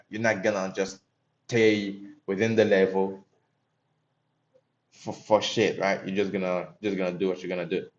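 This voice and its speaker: A young Haitian man who day-trades on live streams comments on his trades and chats with viewers in a loose, profane manner. His voice is on the low side, and the recording has its highs cut off.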